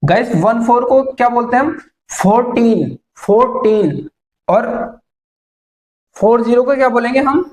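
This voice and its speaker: Female English tutor, patient and deliberate, recorded with noticeable room echo. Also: fairly high pitch, a little mellow. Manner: slow, drawn-out counting of numbers; explaining patiently to her viewers. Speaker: spoken English teacher. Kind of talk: classroom lesson.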